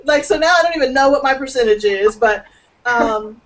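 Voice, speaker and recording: A woman's voice: sits high, a little fast, far from the mic, rough recording. A woman hosting a casual video call chat, chatty and laughing often, with many restarts. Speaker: host.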